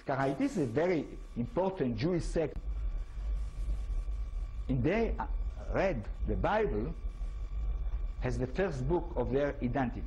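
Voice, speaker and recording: A man's voice: medium pitch, dark tone, a little hiss or hum, rough recording. A man from Israel, speaking English with an Israeli accent, gives an informal lecture as an author and keeps asking his audience rhetorical questions. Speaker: author giving a talk.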